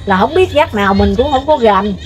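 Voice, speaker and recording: An older woman with a Southern Vietnamese Mekong Delta accent tells her story in an interview at her rural home by a river. Her voice is fairly high, briskly paced, and lively in intonation. She rambles, with lots of fillers and repetition.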